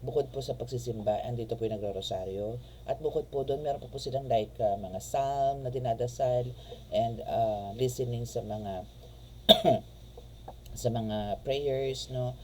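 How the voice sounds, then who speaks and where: A man's voice: medium pitch, unhurried, a little hiss or hum. A man giving a casual tarot reading, chatty and polite, full of fillers and respectful asides. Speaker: tarot reader and spiritual healer.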